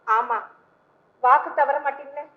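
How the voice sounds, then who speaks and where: A woman's voice: sits high, steady tone, measured pace. An actress playing a worried young mother confessing to a priest, hesitant and pleading in her delivery. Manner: pleading, hesitant with soft fillers. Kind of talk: vintage stage play acting. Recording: dull old stage recording.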